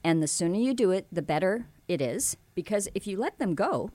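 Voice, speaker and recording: A woman's voice: mid-range voice, expressive, a little fast, warm tone, no room sound. A woman from Alaska explaining how to grow and prune tomatoes in a casual, explanatory way, with frequent ums and self-corrections. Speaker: gardening expert guest. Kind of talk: casual radio gardening advice.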